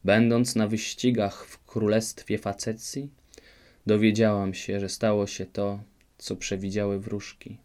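A man voicing a cheerful fairy woman who speaks in a calm, matter-of-fact way, in a storybook reading. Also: on the low side, a little slow, natural voice. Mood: calm assured.

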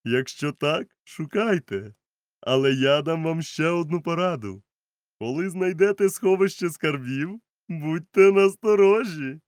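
A man's voice: on the high side, expressive, measured pace, clean tone, no echo, clean studio sound, voice pushed up. A man doing a firm, urgent doctor. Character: kindly resolute doctor, grown man.

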